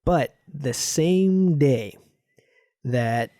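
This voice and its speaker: A man co-hosting a podcast in casual chat, earnest and quick to chuckle, often restarting his sentences. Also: a little high, expressive, dark tone, no room sound, studio quality. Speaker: podcast co-host.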